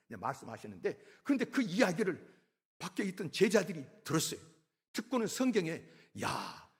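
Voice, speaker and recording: Husky preacher guy, kinda high voice, lively up and down, acts out the scenes, long church echo. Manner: storytelling preacher who acts out dialogue and asks the congregation questions. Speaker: pastor. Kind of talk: sermon. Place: church sanctuary. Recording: long church-hall reverb.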